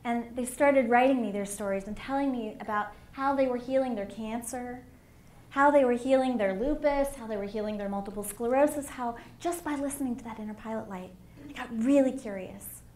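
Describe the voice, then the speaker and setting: A middle-aged woman giving a candid, animated personal talk as a conference speaker on a stage microphone. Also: a little high, fairly quick. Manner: candid and animated, with emphatic swells. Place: conference hall. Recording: echoey hall with faint room noise.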